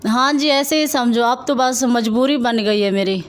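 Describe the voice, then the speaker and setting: Woman, high voice, dancer, interviewee, defensive, irritated. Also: fairly even intonation. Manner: defensive and irritated when pressed. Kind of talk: street interview.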